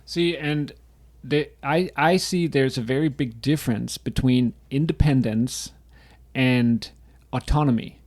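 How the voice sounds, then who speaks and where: A man's voice: medium pitch, unhurried, a little mellow. A man co-hosting a faith podcast, talking reflectively and searching for words as he goes. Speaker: podcast co-host.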